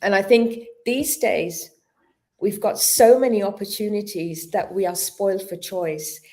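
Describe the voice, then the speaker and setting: This woman in her fifties, a yoga teacher and interview guest, talks a little slowly in a medium-pitched, darkish voice. A dental injection has left her mouth numb, making her stumble slightly and hunt for words. The casual conversation finds her earnest and reflective.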